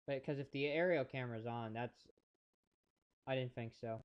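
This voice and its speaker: A man's voice: medium pitch, normal speed, clear, resonant tone, dull audio. A man giving casual live-stream commentary on a race, chatty and rambling, talking to his chat viewers.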